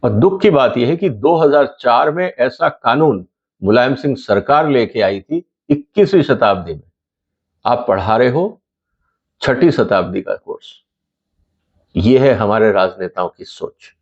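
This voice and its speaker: A man's voice: mid-range voice, lively intonation, a little slow, slightly rough. Middle-aged male commentator, questioning and rhetorical, mid-range voice, dull lo-fi recording. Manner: rhetorical, questioning, addresses viewers as friends. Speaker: channel host, commentator. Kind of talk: explanatory commentary to camera.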